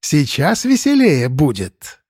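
A man's voice: a little high, wildly swooping pitch, takes it slowly, a little mellow, husky, no room sound, clean studio sound, exaggerated voice. A man voicing a mocking, shapeshifting bird spirit that has taken over a boy's body, in an audiobook. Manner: sneering, taunting. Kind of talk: audiobook character voice.

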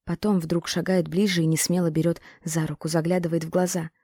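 A woman's voice: on the low side, flat delivery, a little fast, dark tone, slightly rough, dry recording, studio quality. A woman reading a first-person audiobook story. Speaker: audiobook narrator.

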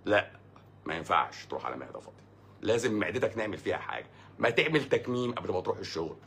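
A man's voice: fairly low pitch, big pitch swings, racing, creaky, a bit bright, slight background noise. A man with an Egyptian accent hosting a livestream, answering viewer comments in a sarcastic, mocking, rambling way. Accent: Egyptian Arabic. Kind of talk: sarcastic casual livestream talk.

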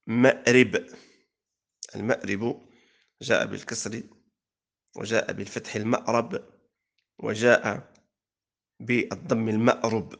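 A man teaching a classical grammar lesson, explaining and reciting verse in a measured way. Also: fairly low pitch, vocal fry, fairly bright tone.

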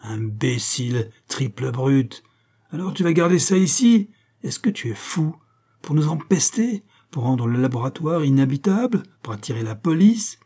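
Un homme qui joue un ancien vicomte criminel, froid et calculateur, au ton méprisant et cassant. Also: male voice, medium pitch, moderate pace, warm tone, natural voice. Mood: angry. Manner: contemptuous, snapping, sometimes hissed. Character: cold scheming former viscount, criminal man.

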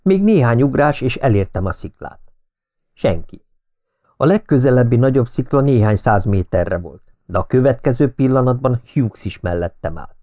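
A man reading an audiobook, telling a first-person story in a steady manner. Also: medium pitch. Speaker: audiobook narrator.

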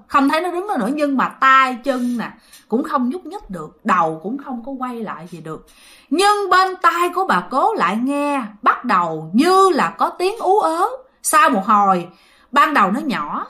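A woman spins a ghost story, chatting straight to her listeners. Her voice is bright and somewhat high, swooping through a wide, lively range. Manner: animated, addresses listeners directly.

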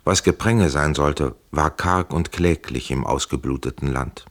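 A man narrating a historical audiobook in a measured, calm way. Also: very deep voice.

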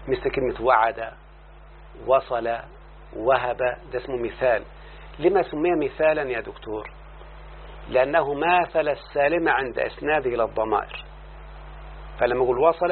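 An Egyptian man with a mid-pitched voice teaches Arabic morphology in a classroom lesson, drilling a student with constant questions to check understanding. He speaks with an Egyptian Arabic accent, captured on tinny, lo-fi tape with a faint hum.

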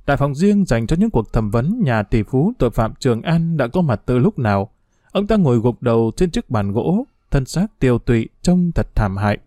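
Somber male story narrator, mellow voice. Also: mid-range voice, sing-song, moderate pace, no echo, studio quality.

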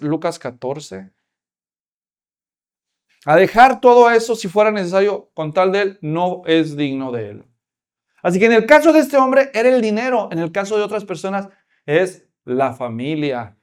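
A man preaching a sermon, often putting rhetorical questions to the congregation. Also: high voice.

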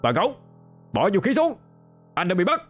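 A man's voice: high-pitched, wildly swooping pitch, normal speed, slightly rough, soft background music, voice pushed up, exaggerated voice. A man voicing a stern police officer making an arrest in an audio ghost story, firm and formal.

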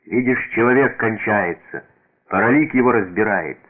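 A man's voice: fairly low pitch, moderate pace, close to an everyday voice. Man doing a sly, scoffing peasant. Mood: callous. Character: mocking middle-aged male peasant hut owner. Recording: tinny radio broadcast.

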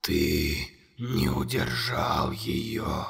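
A man voicing a huge, relentless monster in an audiobook, speaking in a low, slow, menacing whisper. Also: lively intonation, creaky, a bit bright, breathy edge, in a large hall, full character voice.

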